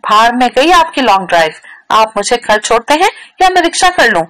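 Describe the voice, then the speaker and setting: A woman's voice: a little high, very animated, brisk, a bit bright, low-quality recording. A woman voicing an upset young woman who speaks reproachfully and bitterly in a read-aloud novel.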